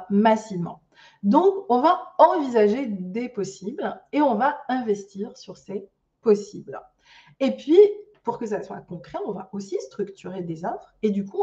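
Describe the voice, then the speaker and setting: Woman teaching an online class, mellow voice, lots of um and restarts, mic far off and kinda muffled. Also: medium pitch. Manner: loose spoken delivery with many fillers and restarts. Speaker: ecotourism business trainer. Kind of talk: online master class talk.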